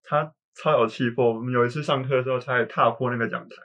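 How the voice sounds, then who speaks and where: Bright fast-talking young man. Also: mid-range voice, fairly even intonation. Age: young adult. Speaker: former student guest. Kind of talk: casual chat.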